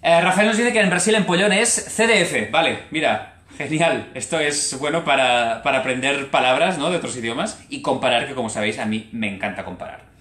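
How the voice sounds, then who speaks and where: Young man, Spain Spanish accent, live language teacher, expressive, slows to stress words, echoey room. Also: mid-range voice. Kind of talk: live online Spanish lesson.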